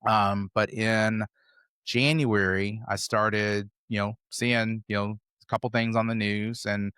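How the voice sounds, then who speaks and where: An American man in his fifties, guesting on a podcast, tells his story in a loose, rambling, conversational manner as casual interview storytelling. His fairly low voice is flat, slow, a bit bright, and clean. The sound is dry and close, with no echo and little room reflection.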